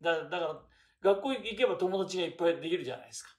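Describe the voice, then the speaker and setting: An older man giving a chatty lecture on classical texts, asking rhetorical questions and pausing with fillers. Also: high-pitched, animated, a little mellow. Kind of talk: casual lecture. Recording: roomy echo.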